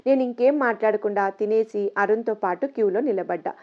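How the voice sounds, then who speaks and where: A woman narrating a first-person story in a soft, steady reading voice. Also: mid-range voice, brisk. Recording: slightly dull lo-fi audio.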